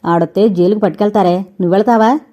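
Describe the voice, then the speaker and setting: A woman's voice: mid-range voice, fast, dark tone, muffled recording, lightly acted. A woman voicing a greedy, scornful older village man who talks in a harsh rustic dialect.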